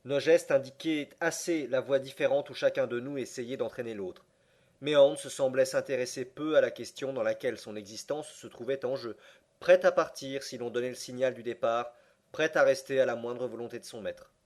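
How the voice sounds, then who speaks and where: A man narrating an audiobook in a measured, even way. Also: mid-range voice. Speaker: audiobook reader. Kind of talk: scripted narration.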